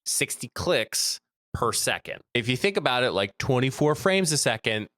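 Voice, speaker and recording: A man's voice: mid-range voice, very animated, normal speed, a bit bright, no room sound. A man co-hosting a comedy podcast, chatting casually and laughing often as he explains things with examples. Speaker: podcast co-host. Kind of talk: casual chat.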